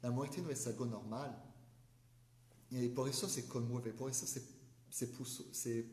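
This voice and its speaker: A man, a religious brother, giving an informal Bible commentary in a thoughtful, hesitant way, often pausing and restarting to find his words. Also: mid-range voice, steady tone, darkish tone. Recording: echoey room.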